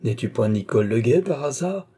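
A man's voice: medium pitch, lively intonation, a little fast, warm tone, husky. A man voicing an old duke and marshal in an audiobook, sly and teasing, with a lightly threatening, knowing tone. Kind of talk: audiobook reading.

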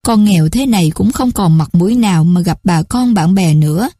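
A woman's voice: fairly low pitch, expressive, brisk, mellow, dry recording, clean studio sound. A woman voicing a middle-aged man who pretends to be poor, sly in his thoughts and whining when he pleads. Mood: plaintive.

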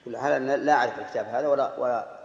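A Saudi man teaches in a slow, measured way, pausing and correcting himself as he explains. His voice rings through a large hall with a long echo. The old recording sounds dull and lo-fi. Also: medium pitch, creaky. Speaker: scholar explaining a classic text. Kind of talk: religious lesson commentary.

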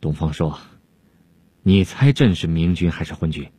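A male storyteller plays a suspicious ancient emperor with a low, husky voice. He commands and mocks with cold authority. The sound is dry and close. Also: sing-song, unhurried, no echo, exaggerated voice. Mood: stern. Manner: commanding, sarcastic.

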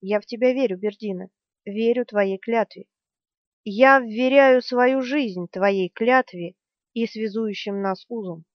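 A woman reading the part of a stubborn, calm young male hero in an audiobook, steady and earnest. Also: on the high side, takes it slowly, dry recording. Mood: earnest resolve. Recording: dry, slightly dull studio sound.

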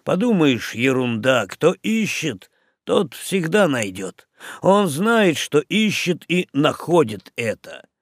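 A man's voice: fairly high pitch, very animated, slow, no room sound, studio quality, voice pushed up, full character voice. A man doing a jolly, musing sea captain. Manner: playful, musing.

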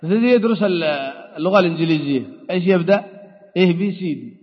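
Guy teaching grammar, fairly high husky voice, muffled lo-fi hall recording with long reverb. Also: lively intonation, fast talker. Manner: explanatory, asks and answers his own questions. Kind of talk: classroom lecture. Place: lecture hall.

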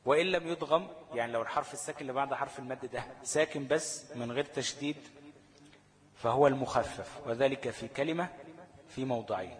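Egyptian man teaching Quran recitation, reverberant. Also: medium pitch. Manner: asks questions and answers them himself. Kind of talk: Tajweed lesson in colloquial Arabic.

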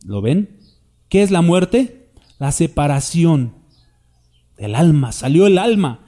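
A man's voice: on the high side, very animated, takes it slowly, warm tone. A man preaching a sermon in a conversational way, with asides to his congregation.

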